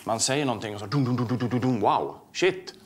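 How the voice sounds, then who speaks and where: A man's voice: a little high, sharp tone, distant mic, slight background noise. An actor playing a crude, boastful wannabe musician and pushy street salesman who swears constantly. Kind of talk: sketch comedy acting.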